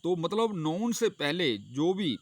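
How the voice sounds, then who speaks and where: A man teaching English grammar in Hindi, asking questions and answering them himself, reading English example sentences slowly. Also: a little high, sing-song, dry recording. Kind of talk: explaining a grammar lesson.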